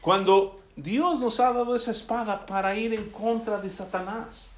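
A man's voice: sits high, unhurried. A man preaching a sermon, often asking his listeners for a yes as he goes. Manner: asks the congregation "¿sí?" often. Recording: echoey room.

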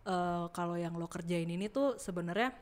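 A woman's voice: fairly low pitch, moderate pace, darkish tone. A young woman, chatting casually as a podcast host, laughing often and explaining with everyday examples. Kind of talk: casual chat.

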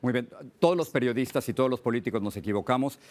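A man's voice: mid-range voice, quick pace, a little mellow. A man hosting an interview, asking his guest direct, conversational questions. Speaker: interview host.

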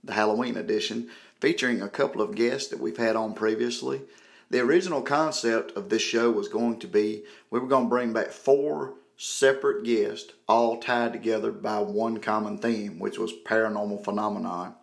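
A man's voice: on the low side, fairly even intonation, moderate pace, gravelly. A man hosting a podcast, talking casually to his listeners as he introduces the show. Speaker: podcast host. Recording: roomy echo, faint music behind.

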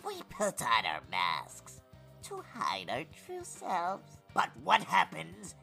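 A man voicing Morty, a male robot radio host who tells scary stories in a slow, theatrical manner. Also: on the high side, huge pitch swings, gravelly, bright, forceful tone, soft background music, voice pushed up, exaggerated voice. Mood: spooky theatrical. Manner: slow, theatrical spooky storyteller.

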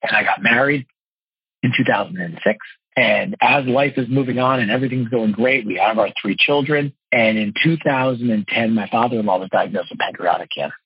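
Man in his 40s, quick husky delivery, dry dull lo-fi podcast sound. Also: medium pitch, no echo. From New Jersey. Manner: earnest, fast-talking, expressive storyteller. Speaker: guest, financial wholesaler and speaker. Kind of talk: podcast interview storytelling.

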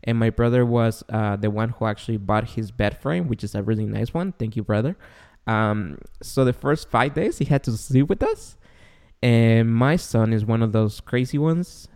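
A man's voice: medium pitch, moderate pace, darkish tone, smooth. A young man who speaks English as a second language, chatting casually as a podcast host in a big, echoey room that sounds like an empty warehouse. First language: not English. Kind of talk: casual chat. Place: large, tall apartment room.

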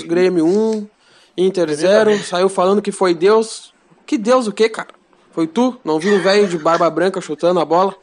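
High-pitched man, explosive goal commentary. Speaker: football talk show panelist. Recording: music behind the voice.

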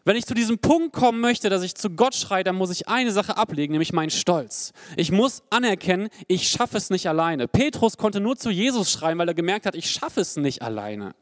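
Young male preacher, earnest and personal sermon delivery, pitched a bit high, dry close sound. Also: no echo. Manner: earnest and personal, swings between emphatic highs and quiet low passages.

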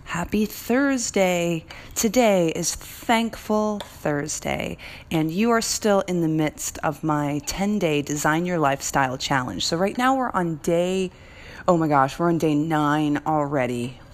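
A woman's voice: sits low, lively intonation, unhurried. A woman hosting a lifestyle challenge, giving an upbeat, encouraging motivational talk with a morning voice. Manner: upbeat and encouraging, stretches key words. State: morning voice, clearing her throat.

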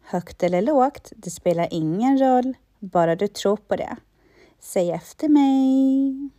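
A woman slowly and calmly leading a listener through spoken affirmations, pausing for them to repeat each line. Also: fairly high pitch, no echo. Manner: slow, calm, repeats lines for the listener. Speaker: affirmation guide.

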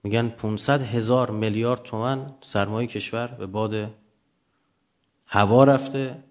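A man's voice: on the low side, steady tone. A man lecturing off the cuff to students, didactic, often posing questions and answering them himself.

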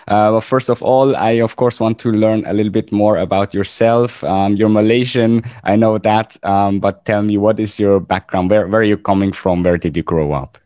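Male host, low voice, halting friendly questions, dry close sound. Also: warm tone, dry recording. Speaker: podcast host. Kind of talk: conversational interview.

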